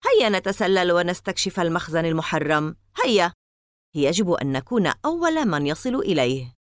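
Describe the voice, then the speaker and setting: A woman's voice: on the low side, sing-song, fairly quick, no room sound, studio quality. A woman voicing an eager, mischievous boy at summer camp. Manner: eager, teasing.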